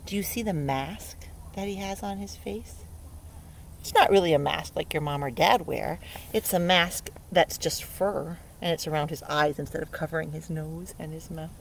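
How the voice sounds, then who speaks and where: A low, creaky-voiced woman, an early learning teacher, reads a picture book to young children outdoors by a lake. Her read-aloud is interactive and playful, full of expressive delivery, acted-out sound words and questions for the kids. Lakeside ambience from the water stays steady in the background.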